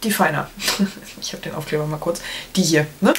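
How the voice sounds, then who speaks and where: In a small room at home, a woman in her thirties talks to camera about a product, keeping things casual and dropping in playful colloquial remarks. The beauty vlogger's voice is low-pitched and steady, at a normal speed. Clicks and background noise are clearly present in the recording.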